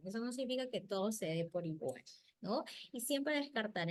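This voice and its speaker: Lively woman speech therapist. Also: medium pitch, no room sound. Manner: lively, acts out parents' and children's voices. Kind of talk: health talk on child language.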